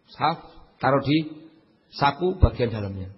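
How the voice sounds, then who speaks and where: Guy preaching, husky voice, dull old lecture tape, gets loud then mutters. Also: mid-range voice, measured pace, big-room sound. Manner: animated storytelling with big swings between loud and murmured asides. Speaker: Islamic preacher. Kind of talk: religious lecture.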